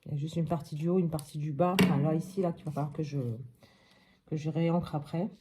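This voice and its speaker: A woman's voice: sits low, fairly even intonation, fast, heavy background noise. A woman hosting a casual step-by-step crafting tutorial at her craft table at home, chatting and thinking aloud with many little hops and voilàs.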